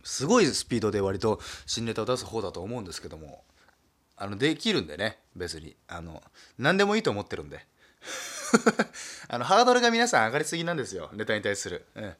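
A male comedian from Nagasaki in a relaxed, self-deprecating solo talk, chuckling often and padding his speech with fillers. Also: on the low side, fast. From Nagasaki, Japan. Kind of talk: casual solo talk monologue.

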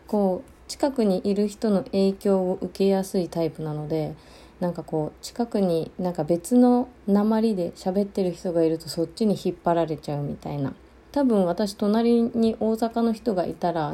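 A woman in her thirties from Okinawa hosts her own solo talk show. Her voice is very dark and mellow, with a middling pitch. She chats loosely, often pausing on fillers as she searches for words. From Okinawa, Japan. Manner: chatty, many fillers and pauses. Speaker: podcast host.

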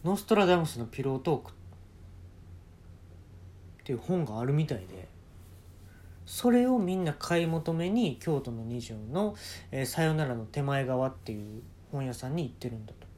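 Male solo podcast host, Kansai accent, mid-pitched, conversational comic storyteller who acts out quotes. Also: dark tone, a little hiss or hum. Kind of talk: casual comedic storytelling monologue.

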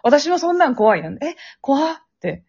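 A woman's voice: high-pitched, very animated, moderate pace, darkish tone. A young woman with a Kansai accent, chatting casually on a podcast and telling a spooky story, laughing often. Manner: chatty, laughs often, acts out phone voices. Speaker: podcast co-host. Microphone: app recording over phone. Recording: dull lo-fi app recording.

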